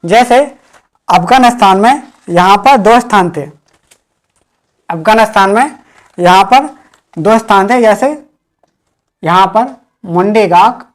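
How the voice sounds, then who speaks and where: Female history teacher, mid-pitched, drills each point with repeated questions. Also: a little slow, long pauses. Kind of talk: exam-prep history lecture.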